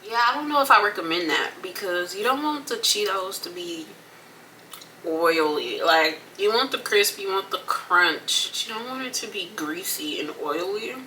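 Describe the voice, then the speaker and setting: A woman's voice: mid-range voice, animated, normal speed, sharp tone, far from the mic, slight background noise, low-quality recording. An American woman talks casually and colloquially in a mukbang, eating crunchy fried chicken between and during her phrases. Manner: folksy, colloquial, repeats phrases for emphasis. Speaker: mukbang vlogger.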